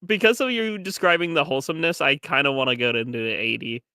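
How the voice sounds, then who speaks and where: A guest on a casual stream, chatting playfully, laughing easily and giving quick opinions while ranking characters. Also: medium pitch, bright, forceful tone, no echo, clean studio sound. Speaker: guest co-host.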